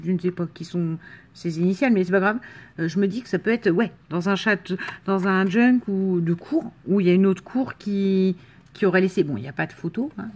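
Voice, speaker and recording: A crafting vlogger from the Marne, France, chats casually and enthusiastically while unboxing crafts, with frequent fillers and laughs. She has a slight northern French accent and a mid-range, slightly mellow voice.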